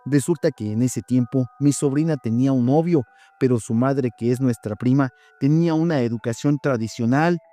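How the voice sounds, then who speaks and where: A man who hosts a horror story channel, reading listeners' stories in a steady, measured voice. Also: mid-range voice. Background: faint background music.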